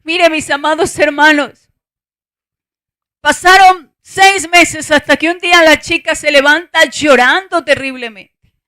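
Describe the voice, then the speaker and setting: A woman pastor with a Colombian accent, giving an emotional sermon testimony in church, crying and shouting at the peaks. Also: high-pitched, measured pace. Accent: Colombian Spanish. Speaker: pastor's wife preaching.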